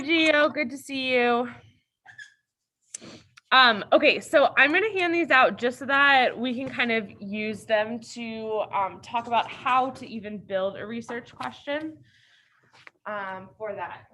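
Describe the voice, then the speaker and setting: A young woman addresses her class in a bright, slightly high voice. She talks slowly and casually, with plenty of fillers and an upbeat lilt. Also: slight background noise. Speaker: teacher. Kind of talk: classroom instruction.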